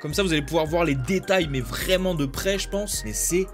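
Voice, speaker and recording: Excitable young man with a high voice. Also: fairly quick, soft background music. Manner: excitable and jokey, loud exclamations, slangy. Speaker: YouTuber. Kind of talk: casual unboxing chat.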